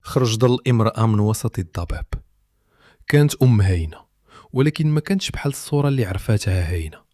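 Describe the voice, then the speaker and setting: A man tells a dramatic story in scripted narration. His voice sits low and the recording is dry and close. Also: lively intonation, fast, mellow, dry recording.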